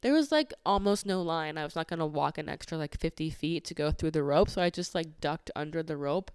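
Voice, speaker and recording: A woman's voice: low voice, fairly quick, darkish tone, clear, resonant tone, no room sound, studio quality. A woman hosting a podcast, telling a travel story in a casual, chatty way with lots of "like"s and an exasperated edge. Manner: chatty, many filler "like"s, exasperated retelling. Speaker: podcast host.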